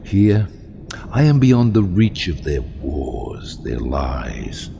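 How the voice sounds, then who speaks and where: An actor playing a proud, brooding, self-exiled submarine captain in an audio drama, with grandiose, deliberate, theatrical delivery and a gravelly voice. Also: male voice, rumbling low, very animated, dark tone, a little hiss or hum, heavily acted. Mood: defiant.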